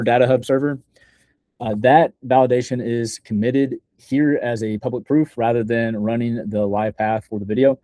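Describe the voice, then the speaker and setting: A young man giving a scripted software demo in a deliberate, measured, slightly halting way, as a developer presenting a project. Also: medium pitch, dry recording, rough recording.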